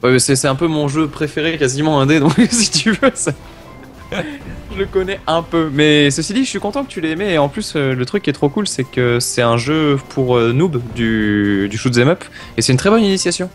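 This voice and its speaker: A man's voice: on the high side, animated, moderate pace, faint music behind. A man giving eager game tips and explanations, chuckling often as he talks. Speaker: guest gaming expert. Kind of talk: casual gameplay commentary.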